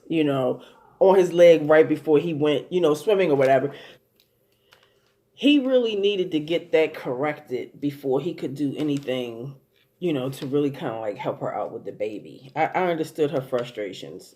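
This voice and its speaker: A woman's voice: sits low, mellow. A woman giving a casual recap and commentary on a TV episode, blunt and amused, swearing freely and using lots of fillers and restarts. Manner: rambling and profane, with many fillers and restarts. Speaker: TV show commentator.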